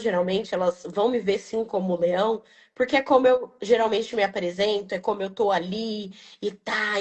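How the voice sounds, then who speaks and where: A young adult woman, a business owner, talking in a casual, reflective and emotional way, tagging her phrases with quick questions. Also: mid-range voice. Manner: reflective, emotional, frequent "né" tags. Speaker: business owner interviewed about her brand. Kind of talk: casual heartfelt testimonial.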